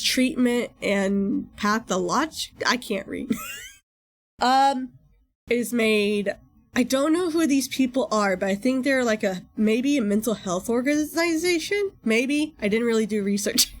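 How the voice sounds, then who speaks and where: A woman with a fairly high voice talks as a livestream host. Her delivery is informal and rambling, like casual chat with viewers between videos. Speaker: streamer, VTuber host.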